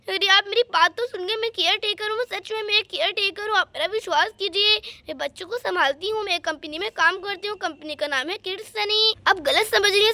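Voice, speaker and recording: A woman's voice: very high-pitched, sharp tone, dry recording, full character voice. A woman voicing a frightened young female caretaker in a doll story, anxiously pleading to be believed.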